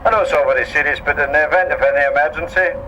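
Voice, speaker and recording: A man's voice: fairly high pitch, very fast, bright, forceful tone, dull audio, slight background noise. A Scottish man giving a joking safety briefing and tour commentary as a ship tannoy announcement. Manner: dry, joking patter. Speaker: tour boat crewman.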